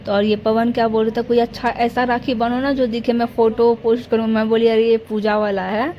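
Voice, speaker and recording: A woman's voice: on the high side, little pitch movement, quick pace, highs cut off. A young woman vlogger chatting casually and rambling through a family story. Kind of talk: casual family vlog narration. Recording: faint background noise.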